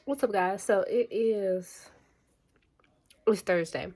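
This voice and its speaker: Her voice is mid-range, mellow and slow, with a bit of background noise behind it. She's a bootcamp student vlogging casually for viewers, rambling on and leaning heavily on "like" and "um."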